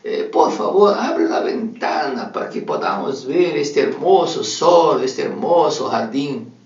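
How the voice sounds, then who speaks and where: A man voicing a cheerful, gracious blind old woman with a bright greeting. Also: on the high side, big pitch swings, takes it slowly, heavily acted. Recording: roomy, dull recording from a distance.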